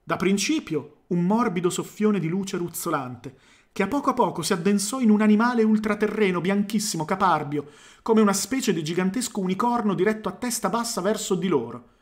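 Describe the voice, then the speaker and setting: A man reading a short story aloud into a microphone, now and then pausing to correct himself. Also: high voice, expressive. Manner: reads aloud, stops to correct himself and comment. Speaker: reader. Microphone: studio microphone.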